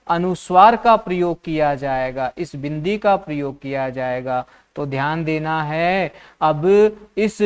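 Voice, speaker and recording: A man teaching an exam-prep class, posing his students' questions and answering them himself, repeating key terms. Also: on the high side. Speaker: Hindi teacher.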